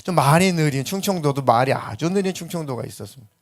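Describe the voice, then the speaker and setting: Man pastor preaching, fairly high voice, animated pitch, lively storytelling. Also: fast. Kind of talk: sermon.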